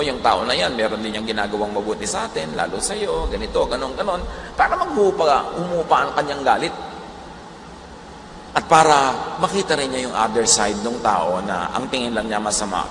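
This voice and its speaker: A man with a Filipino accent preaching a sermon in a lively way, going from soft lines to loud emphatic ones and acting out quoted speech. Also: medium pitch, a little fast, a little hiss or hum. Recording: roomy echo with long reverb, faint ambience.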